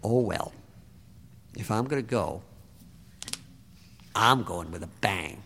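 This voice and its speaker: A man voicing a fifty-six-year-old laid-off tank designer, reckless and gleeful, talking in a rough, swaggering trucker way. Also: lowish voice, animated, slow, fairly bright tone, slight background noise, voice pushed down, exaggerated voice. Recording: long reverb.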